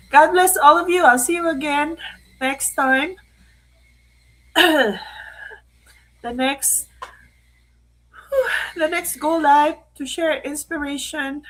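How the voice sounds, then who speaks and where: A middle-aged Filipino woman speaks slowly on a live stream in a high, breathy voice. She is tearful and keeps clearing her throat. She slips Tagalog phrases into her talk. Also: a bit bright, low-quality recording. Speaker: online mentor hosting a live stream. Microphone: live stream mic.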